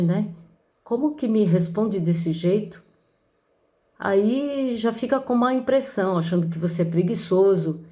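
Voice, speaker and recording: A woman's voice: mid-range voice, mellow. A woman preaching a sermon, speaking unhurriedly with frequent fillers and restarts, who mentions her own patients. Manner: slow, unhurried delivery with many fillers. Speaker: counselor with patients.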